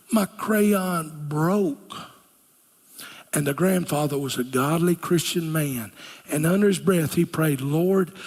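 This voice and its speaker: An older man preaching a sermon as a pastor, folksy and earnest, dropping to a whisper for key lines. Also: sits high. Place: church sanctuary. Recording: church hall reverb.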